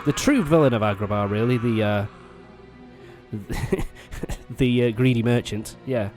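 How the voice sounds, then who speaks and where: A man's voice: mid-range voice, measured pace. A young man giving casual, rambling, sweary gameplay commentary while recovering from a cold. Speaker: let's play host. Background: loud game music.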